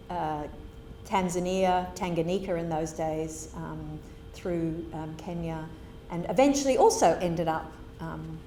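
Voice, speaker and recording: A woman's voice: mid-range voice, a little mellow. Woman from Zimbabwe, middle-aged, guest lecturer, candid conversational delivery, roomy hall with a faint hum. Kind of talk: public lecture.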